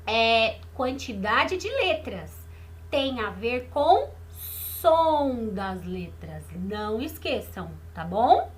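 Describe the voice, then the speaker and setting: Slow, high-voiced woman teacher. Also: fairly bright tone. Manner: patient, repeats words slowly and asks the class questions. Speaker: primary school teacher. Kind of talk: online lesson explaining exercises to children.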